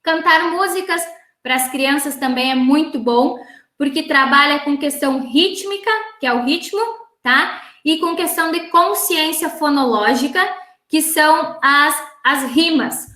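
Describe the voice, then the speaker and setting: A Brazilian woman speech therapist giving a talk for parents, instructive, closing her points with a quick "tá?". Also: high voice, bright, forceful tone. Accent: Brazilian Portuguese. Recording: roomy echo.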